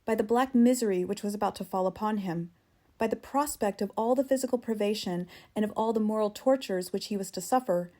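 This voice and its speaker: A woman with a standard American accent reading literary fiction as an audiobook narrator, measured and expressive. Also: mid-range voice.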